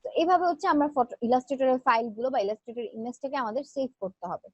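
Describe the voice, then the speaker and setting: A woman's voice: high-pitched, expressive, very fast, dry recording. A woman teaching a live graphic design class, walking students through each step with brief fillers. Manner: explains step by step, fillers between steps. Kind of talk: live online class, screen demo. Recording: dull lo-fi sound.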